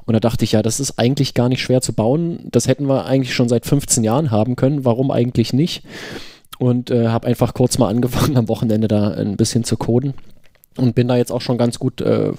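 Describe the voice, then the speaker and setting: A man's voice: medium pitch, fairly even intonation, a little fast, warm tone, dry recording. A man co-hosting a podcast, chatting casually in stop-and-start phrases, recorded close up. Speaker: podcast co-host, website developer.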